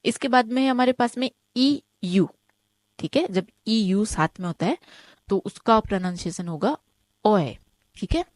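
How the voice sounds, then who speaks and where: This expressive, mid-pitched female teacher leads an online German class, explaining things one step at a time and frequently checking in with "ठीक है?". She pronounces each example word slowly, repeating it. The sound is close-miked and dry, free of echo.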